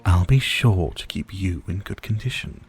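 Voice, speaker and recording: This man voices a sadistic vampire lord centuries old in a scripted ASMR roleplay, speaking up close in a silky, theatrical, taunting manner that often sinks into breathy whispers. His voice is low and expressive at a moderate pace, his mood smug and coaxing, with faint music behind him.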